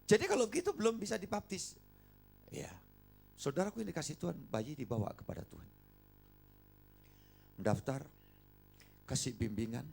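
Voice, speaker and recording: An older man preaching a sermon, animated and coaxing the congregation to respond. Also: on the high side, normal speed, vocal fry, long pauses, slightly rough. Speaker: pastor. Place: church service.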